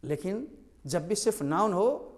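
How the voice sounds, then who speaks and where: High-voiced male teacher in echoey hall. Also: big pitch swings. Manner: explains slowly, repeats words with stress. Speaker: English teacher. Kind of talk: classroom lesson.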